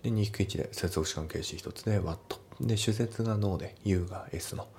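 A man with a very low, gravelly voice talks through an English test lesson, breaking each sentence into parts. He reads the English lines slowly and deliberately, then drops back into relaxed explanation. A faint low rumble sits under the recording. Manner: explains grammar step by step, slowly models English lines, casual Japanese asides. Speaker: English teacher. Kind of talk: TOEIC lesson walkthrough.

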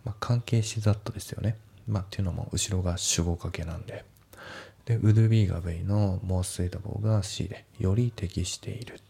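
A man's voice: sits low, fairly even intonation, normal speed, vocal fry, mellow, breathy edge. A man teaching English grammar and pronunciation, often trailing off to a near whisper at the ends of sentences.

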